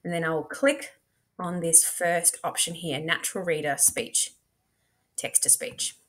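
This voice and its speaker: Sitting at a computer indoors, a female teacher walks viewers through a software tutorial in a chatty screen demo, narrating each step. Her voice is fairly low and fairly bright, with fairly even intonation and an unhurried pace.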